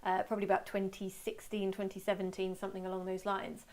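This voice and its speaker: A British woman hosting a webinar in a chatty, informal, self-deprecating way, her voice slightly hoarse and giving out. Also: mid-range voice, monotone, fast, a little mellow. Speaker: webinar host and photography teacher. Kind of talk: casual webinar talk.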